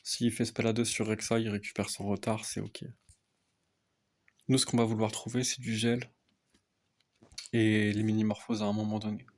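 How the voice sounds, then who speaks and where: A young man softly explaining a card game deck as casual gameplay commentary, often hesitant with fillers. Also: little pitch movement, moderate pace, long pauses. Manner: speaks softly, low volume. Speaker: card game content creator.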